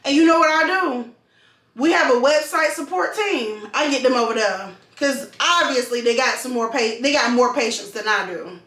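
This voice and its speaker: Lady ranting casually, high voice, repeats stuff for emphasis, roomy echo. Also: moderate pace, a bit bright. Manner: emphatic, repeats phrases for stress. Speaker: vlogger and call center customer service worker. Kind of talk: casual venting to camera. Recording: echoey room.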